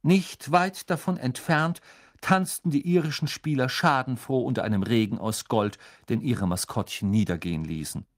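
A man narrating an audiobook in a lively, expressive reading style. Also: medium pitch, moderate pace. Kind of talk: scripted narration.

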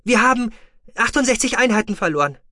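A man's voice: very high-pitched, animated, a little fast, sharp tone, no room sound, studio quality, pitched above the performer's own voice, full character voice. A male reader voicing a young female fleet tracking officer who reports losses in an urgent, clipped way.

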